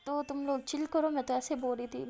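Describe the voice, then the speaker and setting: Friendly lady doctor, light and teasing, fairly high voice, voiced by a woman storyteller. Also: steady tone, warm tone.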